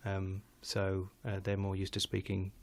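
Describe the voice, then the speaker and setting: A guest musician appears on a live show from a home studio in Denmark, chatting casually while rambling, restarting, trailing off and correcting himself, laughing often. His low, monotone voice is a little slow and a little mellow.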